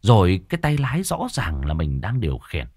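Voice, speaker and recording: A man narrating a ghost story in an expressive, dramatic way. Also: deep voice, brisk, dry recording, studio quality.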